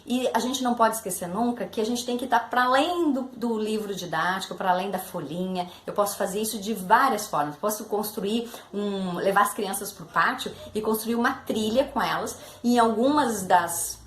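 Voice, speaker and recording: A woman's voice: mid-range voice, normal speed, hardly any pauses. A woman with a Brazilian Portuguese accent, a literacy education professor, explaining step by step with concrete examples and talking directly to her listeners. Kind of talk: explanatory teaching talk. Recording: echoey room with faint background noise.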